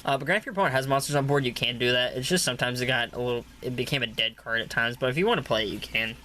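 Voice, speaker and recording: Bright-voiced man rambling about his deck. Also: medium pitch, racing, a little hiss or hum. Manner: rambling, many filler uhs, repeats "really, really". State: coughing now and then. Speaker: card game deck reviewer. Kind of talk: casual deck profile talk.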